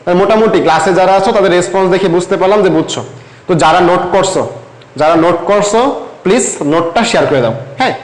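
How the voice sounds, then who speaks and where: Higher-voiced young tutor in an echoey room. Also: male voice, fast. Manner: conversational, repeats questions to students. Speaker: online tutor. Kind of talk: live online class, reading student comments.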